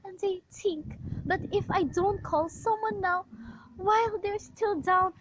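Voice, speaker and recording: A woman's voice: very high-pitched, measured pace, slight background noise, rough recording. A woman playing a frightened bedridden woman alone at night, pleading frantically in an amateur radio play. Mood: hushed fearful. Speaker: invalid caller.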